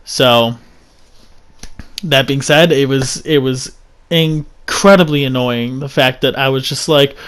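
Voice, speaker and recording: A man's voice: mid-range voice, slow, fairly bright tone, clear, resonant tone. A man reviewing a video game in a casual, rambling way, giving blunt opinions with frequent restarts and fillers.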